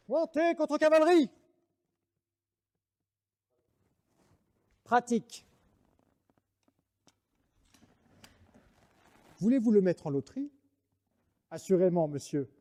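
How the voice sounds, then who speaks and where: An actor playing a proud, mocking swordsman poet in a French verse monologue, declaiming like a hammy stage actor. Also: sits high. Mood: playful grandiose. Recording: reverberant hall sound.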